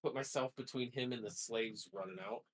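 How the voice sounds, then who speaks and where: A man at a tabletop game explaining his moves. He speaks at a middle pitch in a plain, slightly hesitant way, with small pauses and fillers. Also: a bit bright, rough recording. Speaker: player.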